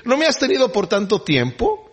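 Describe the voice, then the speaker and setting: A man voicing a meek, hurt female donkey that pleads with its rider, in a husky, raised voice. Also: high voice, wildly swooping pitch, normal speed, voice pushed up, full character voice. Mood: plaintive.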